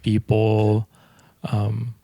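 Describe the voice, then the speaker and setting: A young man co-hosting a casual faith-based chat, talking in a relaxed, reflective way and often restarting his sentences. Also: fairly low pitch, very slow, no room sound, clean studio sound. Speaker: co-host.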